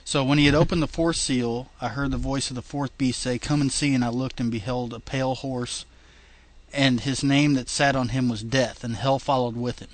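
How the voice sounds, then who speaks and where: A podcast co-host with a mid-range voice, a steady tone and a moderate pace reads long scripture passages aloud on a casual show. He stumbles through them, laughs at the wording, and chats between readings.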